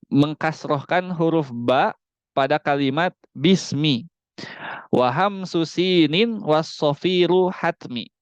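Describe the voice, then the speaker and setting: A man teaching Quran recitation in an online class over a close mic. He explains each rule, then models the words in long, drawn-out recitation. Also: fairly high pitch, no echo. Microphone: close mic on a video call.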